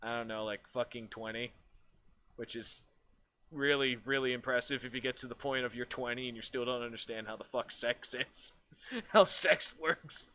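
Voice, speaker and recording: A man's voice: mid-range voice, moderate pace, sharp tone. A man streaming as a virtual streamer in casual chat, laughing often, swearing freely and rambling with restarts.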